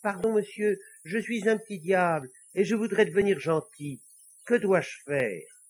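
A man's voice: sits high, lively intonation, unhurried, breathy edge, pitched above the performer's own voice, exaggerated voice. A man voicing a polite little male devil who earnestly pleads to become good, in a storybook reading. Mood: pleading.

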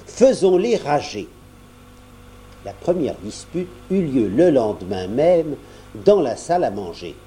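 A man reading a children's story aloud as narrator, in an expressive, lilting way. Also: mid-range voice, a little slow, a little hiss or hum.

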